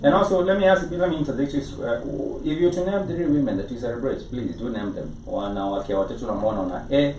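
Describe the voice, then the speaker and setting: A man's voice: medium pitch, fast talker, hardly any pauses, darkish tone. A man with a Kenyan accent hosting a conversational entertainment interview, wordy and repeating phrases for emphasis. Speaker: talk show host. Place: studio. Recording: echoey room, distant mic, background noise.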